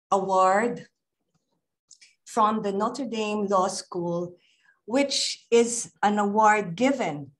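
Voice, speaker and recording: An older woman, hosting a webinar and reading a formal, proud introduction of the speaker over a video call. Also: mid-range voice. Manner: measured, proud, ceremonial. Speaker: webinar host. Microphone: computer mic on a video call.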